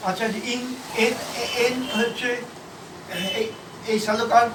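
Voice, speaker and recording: A man from India teaching a shorthand class, explaining slowly and repeating himself, letter by letter. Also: very high-pitched, little pitch movement, noisy background. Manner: repetitive, halting, spells out letters. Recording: echoey room from far off.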